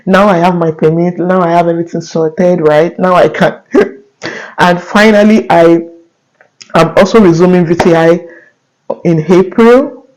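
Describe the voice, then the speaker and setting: A man's voice: sits high, fairly even intonation, unhurried, long pauses, a little mellow, rough recording. A young Nigerian man with a Nigerian accent, talking earnestly to his viewers in a casual vlog, often checking in with "right?" and restarting his sentences. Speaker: vlogger. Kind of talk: casual talk to camera.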